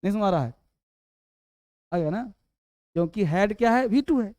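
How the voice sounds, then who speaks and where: A man teaching English grammar, quizzing students and urging them to answer fast. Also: sits high, lively intonation, a little mellow, dry recording. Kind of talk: classroom lesson.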